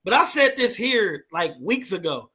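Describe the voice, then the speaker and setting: A man with a high, bright voice talks football in a slangy, joking way. He keeps saying "bro" and "man" as he makes his case. He often talks over the others. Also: sing-song, unhurried. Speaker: football show panelist. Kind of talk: casual sports talk.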